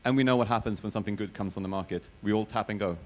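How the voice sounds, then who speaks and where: A man answering questions as a panelist on a conference stage. He speaks in a measured, reflective way, with hesitations and self-corrections. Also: lowish voice. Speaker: company CEO and panelist.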